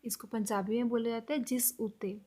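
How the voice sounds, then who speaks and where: A woman teaching a spoken language lesson, slowly repeating example phrases for learners. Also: fairly high pitch, steady tone, dark tone.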